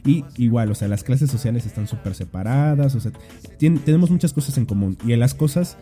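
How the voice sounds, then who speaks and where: A Mexican man with a Mexican Spanish accent, telling a story in a relaxed, easygoing way during a casual podcast chat. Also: mid-range voice, a little fast, faint music behind.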